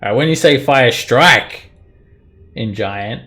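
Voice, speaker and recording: A man running an online tabletop game as game master, narrating casually with halting, improvised phrasing. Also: mid-range voice, sharp tone.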